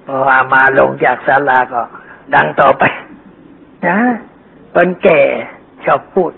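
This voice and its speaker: An older man, a Buddhist monk, giving a dhamma sermon in a plain, homely, unhurried teaching manner with folksy asides. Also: mid-range voice, vocal fry. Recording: old phone-like lo-fi recording with faint hiss.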